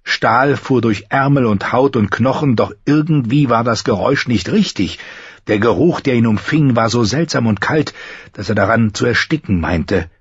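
A man's voice: medium pitch, lively intonation, moderate pace, husky, dry recording, muffled recording. A man narrating a fantasy audiobook with tense, vivid storytelling. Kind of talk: dramatic fantasy audiobook reading.

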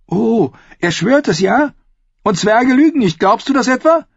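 A man's voice: fairly high pitch, moderate pace, vocal fry, a little mellow, husky, no echo, pitched above the performer's own voice. A man voicing a proud, desperate adult queen in a raised voice, pleading and scornful by turns, in an audiobook reading. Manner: pleading, then scornful and biting. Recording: dull lo-fi, dry.

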